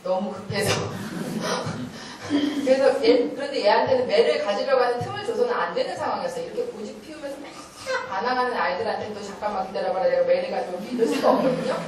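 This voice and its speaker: A middle-aged woman giving a lively talk at a church parenting meeting, telling stories and acting out stern scolding. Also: a little high, fast, hardly any pauses, crowd noise. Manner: animated storytelling, acting out stern scolding, often laughing. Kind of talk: lecture-style talk with acted quotes. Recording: echoey hall, voice from far off.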